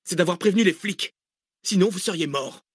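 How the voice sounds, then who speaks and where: A man's voice: medium pitch, animated, brisk, no echo, pitched above the performer's own voice, close to an everyday voice. Male narrator doing a biting, sarcastic woman scientist in an audiobook; raised voice, dry sound. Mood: sharp. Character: angry, sharp-tongued female researcher on the run. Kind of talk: audiobook character voice.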